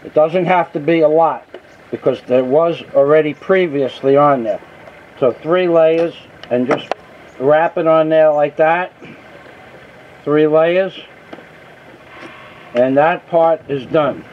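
A man's voice: fairly high pitch, slow, pauses often. A man patiently explaining a machine repair outdoors, step by step, recorded on a camera mic. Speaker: mechanic demonstrating a repair. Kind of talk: casual how-to instruction. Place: outdoors beside heavy machinery. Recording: phone-like, faint outdoor noise.

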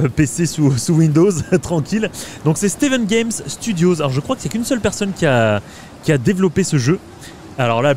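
A man's voice: on the high side, a little mellow. A man giving casual, hesitant gameplay commentary with many filler sounds. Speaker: let's play gamer. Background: game music.

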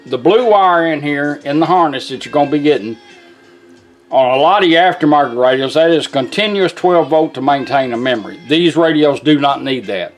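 At a bench in a small indoor workshop, a middle-aged man who works on vintage car radios demonstrates a product. His voice is fairly high, expressive and brisk, and he goes through each step in turn in a plain, informal way. Faint music plays behind him.

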